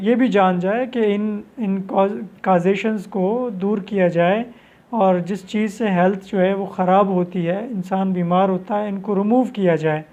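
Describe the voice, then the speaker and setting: A man teaching homeopathy, explaining at length with restarts and slowing down to read passages aloud. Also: sits high, a little mellow, muffled recording. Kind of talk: lecture.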